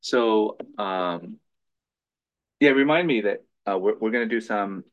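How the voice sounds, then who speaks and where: Low-voiced man giving a halting introduction. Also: expressive, highs cut off. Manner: halting, many restarts and fillers. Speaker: lab head introducing a guest speaker. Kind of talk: informal lab meeting introduction.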